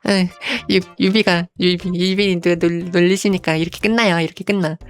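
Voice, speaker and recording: A woman streamer chatting casually into a desk mic, her voice sitting a little low. She muses out loud at an easy pace, dropping soft hums between phrases and talking about herself in the third person. Light music plays faintly behind her. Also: fairly even intonation, a little fast, smooth. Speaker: virtual streamer.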